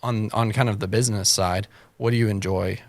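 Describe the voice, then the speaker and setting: A man's voice: fairly low pitch, fairly even intonation, a little fast, no room sound. A man hosting a podcast interview, asking questions and encouraging his guest. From United States. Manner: encouraging, many affirming mm-hmms. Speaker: podcast host.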